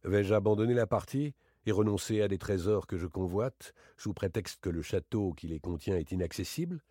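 A man voicing a playful, boastful gentleman thief in a dramatic audiobook reading, teasing and theatrical. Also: moderate pace, no room sound, clean studio sound, close to an everyday voice. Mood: mocking, boastful. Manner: teasing, theatrical, swings between bright exclamations and low asides.

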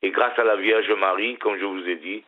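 A middle-aged man calling in to a radio show, talking haltingly with a smile in his voice and repeating his words. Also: low-pitched, steady tone. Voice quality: smiling voice. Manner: hesitant, repeats and restarts words. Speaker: caller. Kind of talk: casual phone-in chat. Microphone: telephone. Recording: tinny phone line.

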